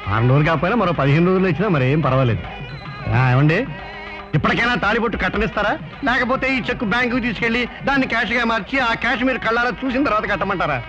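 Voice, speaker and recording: A man's voice: high-pitched, racing, lightly acted. An actor playing a glib middle-aged con man who talks in a sweetly humble, self-pitying way. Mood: coaxing. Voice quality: ingratiating, theatrically humble. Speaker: smooth-talking swindler in a film comedy. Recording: dull old film soundtrack with music.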